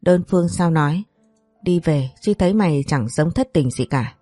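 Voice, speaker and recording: A woman voicing a sharp-tongued young woman friend who grumbles in exasperation. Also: sits low, lively intonation, normal speed, no echo, studio quality, faint music behind. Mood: exasperated.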